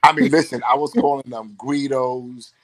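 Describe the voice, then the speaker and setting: A man's voice: medium pitch, moderate pace, a crowd in the background. A man, an actor telling stories in a casual interview and acting out the lines he quotes. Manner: animated storyteller, acts out quotes.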